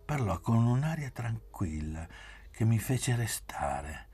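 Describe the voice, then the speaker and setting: Male audiobook reader, deep husky voice, lively pitch, literary narration. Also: slow.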